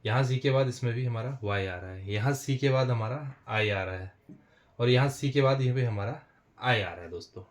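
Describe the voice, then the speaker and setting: A man's voice: medium pitch, moderate pace. A man teaching a basic English spelling lesson, explaining step by step, repeating himself and calling his viewers friends. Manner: repetitive, addresses viewers as friends. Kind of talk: explanatory lesson with writing on board.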